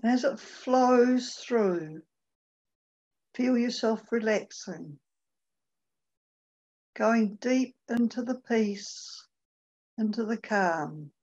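A woman leading a guided meditation, speaking gently and unhurriedly with long pauses. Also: on the high side, animated, dull audio.

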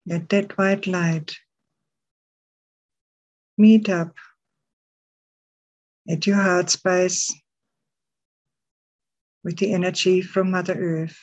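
Woman, guided meditation, soft breathy voice, soothing, slow with long pauses, dull muffled audio. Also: fairly low pitch, flat delivery. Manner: soothing, unhurried, with long pauses between short phrases.

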